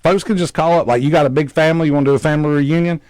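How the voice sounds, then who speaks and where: A man hosting a casual studio interview, chatty and folksy, quick to agree with emphasis. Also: fairly high pitch, fairly even intonation, a little mellow, dry recording. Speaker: radio show host. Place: radio studio.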